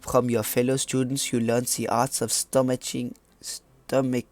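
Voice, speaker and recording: A man's voice: medium pitch, little pitch movement, unhurried, a little mellow, natural voice. A man putting on a mock French accent to read a game story. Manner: hammy, stumbling over words while reading aloud.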